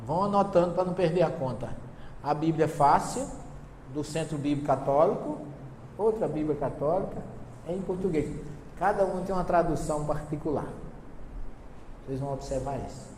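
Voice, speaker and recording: A man's voice: on the high side, moderate pace, long pauses, darkish tone. Northeastern Brazilian man lecturing in a hall. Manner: humorous storytelling, asks the audience questions. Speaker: seminar lecturer on Bible translations. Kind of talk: lively seminar talk with anecdotes. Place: lecture hall before an audience. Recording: echoey hall with long reverb, faint hiss.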